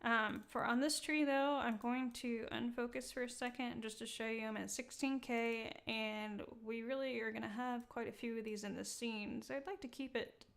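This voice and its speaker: A woman hosting a live-streamed software tutorial, talking casually with many fillers and laughing at her own slips. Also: on the high side, steady tone, normal speed, gravelly, few pauses. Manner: casual, chatty, many ums, laughs at herself. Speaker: software demo host. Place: indoor room.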